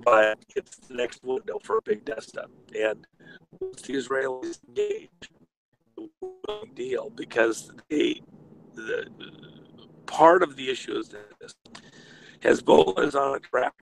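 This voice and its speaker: A male guest speaking over a remote call whose audio glitches and breaks up, talking in halting clauses with restarts. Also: medium pitch, huge pitch swings, creaky, soft background music, poor audio. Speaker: guest commentator. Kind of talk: casual remote interview talk. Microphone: remote call line.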